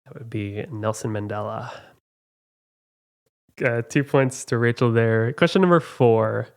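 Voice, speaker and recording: A man hosts a relaxed trivia podcast and reads each question aloud. He talks in a chatty, halting way, with frequent fillers, and laughs easily at his own slips. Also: mid-range voice, gravelly. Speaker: trivia quiz host. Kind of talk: casual podcast quiz.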